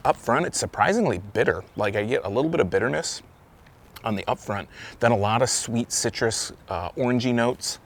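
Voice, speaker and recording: A man reviews a beer outdoors, his mid-range voice brisk and lively in intonation. He rambles loosely and corrects himself along the way. The windy setting leaves wind noise in the background.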